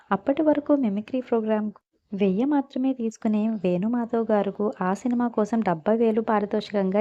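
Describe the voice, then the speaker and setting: A woman with a Telugu accent narrating a scripted biography in a steady, even read-aloud delivery. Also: medium pitch, muffled recording.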